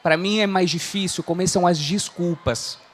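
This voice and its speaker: Addressing a live audience, this coach from Chile, in his thirties, delivers a sincere motivational talk in Portuguese colored by his Chilean Spanish accent, often tagging sentences with "né?". His voice sits high and moves at a moderate pace.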